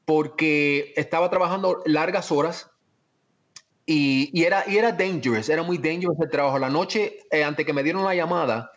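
A man with a Cuban accent, an actor telling stories from his career in an animated, emphatic way. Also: on the high side, normal speed, dull audio. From Miami, United States. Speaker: actor guest. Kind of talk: casual anecdotal storytelling.

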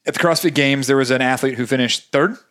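A man hosting a laid-back podcast, chatting at a quick clip. He rambles, circles back on himself and drops jokes along the way. His voice sits in the middle of the usual range for a man. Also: mid-range voice, fairly bright tone, clean tone. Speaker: podcast co-host. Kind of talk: casual podcast chat.

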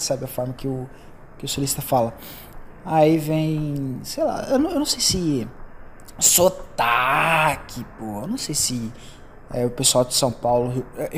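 Man, young adult, Brazilian accent, podcast host, loose rambling chat, medium pitch. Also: a little hiss or hum. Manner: rambling, loose and chatty, drifting between topics. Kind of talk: casual solo podcast chat.

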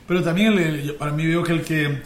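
A man's voice: a little high, fast, slight background noise. A man from Maracaibo with a Maracaibo Venezuelan accent, a musician chatting as a guest and acting out voices in his stories. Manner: animated storyteller, acts out voices, restarts often. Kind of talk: casual conversational interview. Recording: echoey room.

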